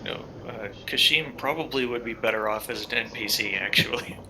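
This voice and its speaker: A man's voice: mid-range voice, a little fast, background noise. A man player chatting casually, easygoing and self-deprecating. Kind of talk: casual chat between game sessions.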